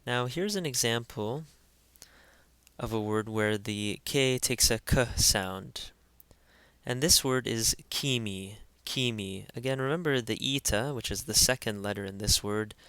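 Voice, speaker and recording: Crisp-voiced man teaching pronunciation. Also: mid-range voice, sharp tone, no room sound. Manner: slow, careful spelling-out of sounds with repeated words. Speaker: language teacher. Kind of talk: instructional voice-over.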